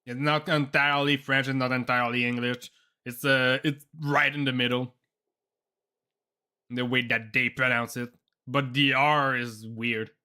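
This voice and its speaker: A man streaming a game and chatting casually over it, musing aloud and circling back on his points. His voice is bright and sits at a middle pitch. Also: little pitch movement, measured pace, clear, resonant tone. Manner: rambling, musing aloud with many "like"s. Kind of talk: casual live commentary.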